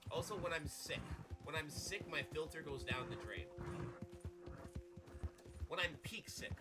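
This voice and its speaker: A man streaming a video game with a stuffy nose from a cold, chatting and rambling, then bursting into loud excited exclamations. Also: on the high side, a little slow. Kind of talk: casual gaming commentary. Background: game music.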